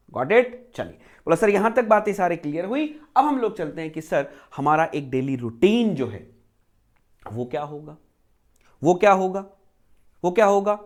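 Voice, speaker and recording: Animated male coaching teacher. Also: fairly high pitch. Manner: asks and answers his own rhetorical questions, repeats key phrases. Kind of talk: exam preparation lecture.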